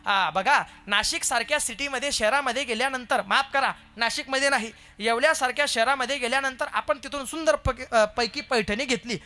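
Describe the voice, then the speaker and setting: Bright high-voiced man preaching a sermon. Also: brisk, few pauses. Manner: storytelling, quizzing the audience playfully. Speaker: kirtan preacher. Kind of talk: devotional kirtan sermon. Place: live kirtan gathering.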